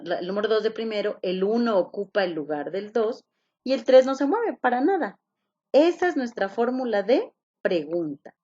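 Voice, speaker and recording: A woman with a darkish voice on the high side teaches English over a slightly muffled video call. She patiently explains each step, repeats the essentials, and keeps asking her students questions.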